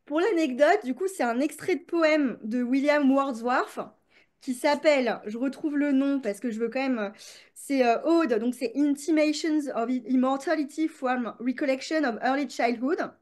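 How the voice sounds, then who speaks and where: A woman's voice: sits high, unhurried, a little mellow. A woman, a creativity coach, chatting as a podcast guest with many fillers and restarts. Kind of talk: casual podcast interview.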